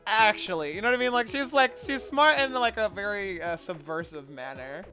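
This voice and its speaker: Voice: mid-range voice, expressive, normal speed, over music. A panel host on a casual group call, bubbly and laughing often, with lots of fillers. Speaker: panel host and game creator.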